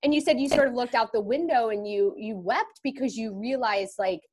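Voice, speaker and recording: A woman's voice: on the high side, fairly quick, a little mellow. A woman hosting a podcast interview, chatting with bursts of enthusiasm. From grew up in the rodeo world. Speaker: podcast host. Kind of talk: casual interview chat.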